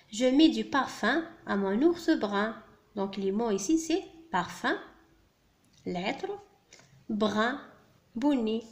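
Woman, primary school French teacher, slow careful spelling, quick translations, fairly high voice.

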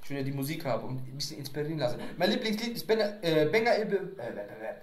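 A man's voice: fairly high pitch, big pitch swings, quick pace. A man casually chatting through an unboxing video at home, rambling and joking with his viewers. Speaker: unboxing vlogger. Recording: echoey room.

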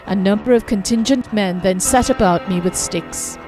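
Lady reading as a police superintendent guy, even documentary read, mid pitch, music behind. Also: normal speed, close to an everyday voice. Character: colonial police superintendent recalling a beating, male.

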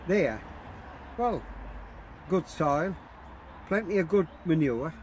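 Here the man's voice sits fairly high, animated yet slow, with a darkish tone. He's still giving a casual, blunt explanation of allotment gardening in short phrases, standing in an open-sided greenhouse. Audio is from a noisy handheld camera outdoors.

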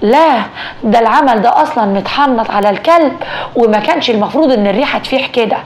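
A woman voicing a calm, practical Egyptian husband in a told story, speaking steadily in a slightly lowered voice. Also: quick pace, close to an everyday voice. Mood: steady. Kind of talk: storytelling dialogue.

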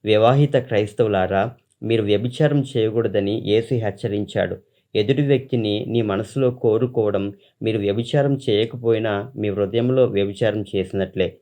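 A man's voice: fairly low pitch, normal speed, mellow. A pastor, a man, reading a testimony aloud in a solemn, earnest way, with preaching asides to listeners.

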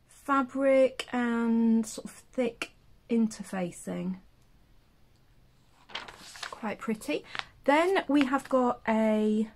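A woman's voice: medium pitch, vocal fry, darkish tone. A woman hosting a casual sewing vlog, chatting through a magazine with joking asides and frequent restarts. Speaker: sewing vlogger reviewing a pattern magazine. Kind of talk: casual chat. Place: indoors at home, seated in a chair.

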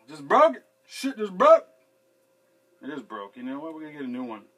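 Fairly high and a bit bright, his voice swings hugely in pitch at a moderate pace. This man in his thirties is a handyman fixing a sink in a small basement room, casually rambling and swearing freely as he provides running commentary for a how-to video to a fixed camera a few feet away.

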